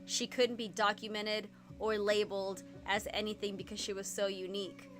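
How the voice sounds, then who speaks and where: With a mid-range, level and fairly bright voice, a Puerto Rican woman hosts a relaxed reading-sprint live stream from her home computer. She's chatty and rambling, speaking quickly with lots of "like," over faint background music.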